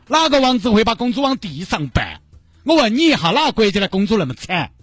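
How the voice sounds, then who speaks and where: A man voicing a whiny, demanding young girlfriend in a shrill falsetto with a Sichuanese accent. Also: sing-song, fast, a bit bright, no room sound, faint music behind, heavily acted. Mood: indignant. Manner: shrill falsetto, nagging and sulky.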